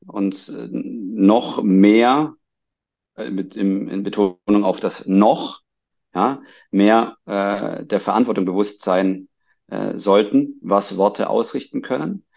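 A man hosts a conversational podcast interview in a gravelly voice that sits on the low side. He often stops and rephrases his sentences mid-thought, and the recording sounds dull and lo-fi. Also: measured pace, a little mellow. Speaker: podcast host.

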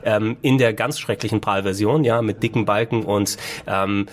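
A man's voice: fairly low pitch, steady tone, normal speed. A man hosting a casual discussion about video games in an easygoing conversational style. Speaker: host of a video game discussion. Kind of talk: casual chat.

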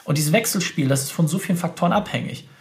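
Male consultant guest, rapid and emphatic, speaks straight to the listener, voice a touch high. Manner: emphatic, direct, peppered with "ja" and "so". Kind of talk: podcast interview.

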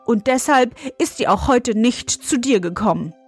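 A woman's voice: a little high, expressive, moderate pace, breathy edge, soft background music, voice pushed up. A woman voicing a small, stern grey old forest gnome in a storybook reading, with a thin, fine voice and a scolding, proud manner.

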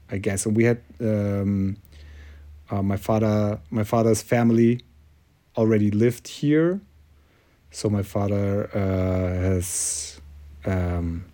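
A man's voice: lowish voice, slow pace, dark tone. A man from Kazakhstan, a director and actor in his thirties, answering interview questions with frequent restarts and fillers. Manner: hesitant, repeats words, many fillers. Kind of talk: casual interview chat.

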